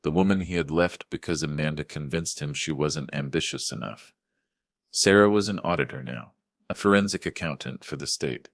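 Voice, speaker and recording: Older man narrator, steady measured delivery, very deep voice, dry close sound. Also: no room sound. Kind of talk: first-person story narration.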